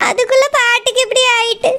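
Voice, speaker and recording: A woman voicing a fierce, sharp-tongued middle-aged housewife in a cartoon, scolding and bossy. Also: extremely high pitch, level tone, fast talker, vocal fry, heavily acted. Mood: tearful. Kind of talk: cartoon voice acting.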